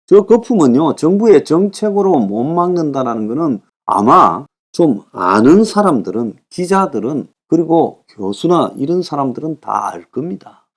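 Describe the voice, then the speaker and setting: A man's voice: a little high, sing-song, normal speed. Emphatic Korean man giving a political commentary. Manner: emphatic, repeats points, often starts sentences with "자". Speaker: political commentator hosting a news briefing. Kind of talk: monologue commentary.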